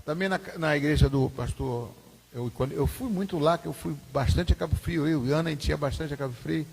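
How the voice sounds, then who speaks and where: A male pastor teaches a Sunday school class in a loose, chatty way, repeating his points and checking in with listeners. His voice sits a little high and sounds husky. The long reverb of a church hall trails behind his words. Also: a little fast, darkish tone. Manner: informal, repetitive, asks the class questions.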